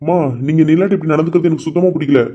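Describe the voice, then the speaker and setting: A man's voice: on the high side, steady tone, rapid-fire, mellow, lightly acted. A man voicing an earnest young man in a cartoon, speaking in a protective, pleading way. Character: earnest young man defending his girlfriend. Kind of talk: cartoon voice acting. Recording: dull lo-fi recording.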